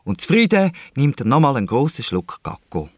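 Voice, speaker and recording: A man's voice: mid-range voice, brisk, dry recording, studio quality. A man with a Swiss German accent narrating a children's radio play. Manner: lively storytelling.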